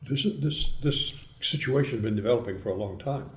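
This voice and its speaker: A man co-hosting a legal podcast, asking measured, probing questions of his guests. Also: fairly low pitch, echoey room. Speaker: podcast co-host. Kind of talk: podcast panel discussion.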